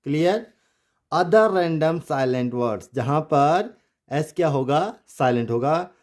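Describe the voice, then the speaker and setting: A man teaches pronunciation in Hindi. He speaks slowly and deliberately, repeating each word and asking rhetorical questions. His voice sits a little higher than most men's. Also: lively intonation, darkish tone. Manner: slow, drills words and repeats them, asks rhetorical questions. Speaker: English teacher. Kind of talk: Hindi-language English pronunciation lesson.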